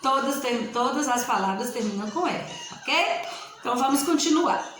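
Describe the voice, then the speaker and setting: A woman teacher giving a slow, patient spelling lesson and repeating each word aloud. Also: high-pitched, animated, very echoey, noisy background.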